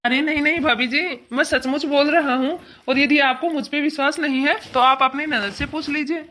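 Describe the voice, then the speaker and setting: A woman doing a prankish cartoon son-in-law, deadpan and teasing, with a high voice. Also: moderate pace. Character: joking young son-in-law. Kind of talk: cartoon dubbing.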